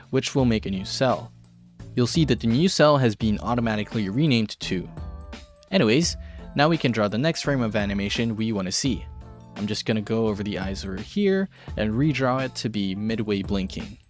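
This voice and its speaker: Hosting a laid-back art tutorial show, a man narrates in a chatty, informal way and pokes fun at himself. His voice is lowish, animated, and fairly quick, with music playing underneath.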